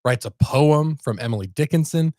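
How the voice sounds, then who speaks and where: A man's voice: fairly high pitch, lively intonation, moderate pace, warm tone, no echo. A man co-hosting a podcast, casually retelling a story in a rambling, laid-back way with lots of fillers. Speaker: podcast co-host.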